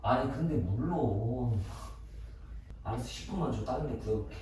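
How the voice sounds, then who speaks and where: A man's voice: medium pitch, animated, normal speed, dark tone, recorded from a distance, slight background noise. Flustered young man pleading, echoey room. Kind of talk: comedy skit dialogue.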